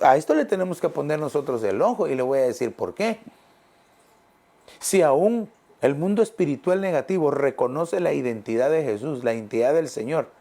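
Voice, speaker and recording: A middle-aged male pastor preaching a sermon, emphatic, repeating phrases and slowing down on key words. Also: on the high side, vocal fry, warm tone.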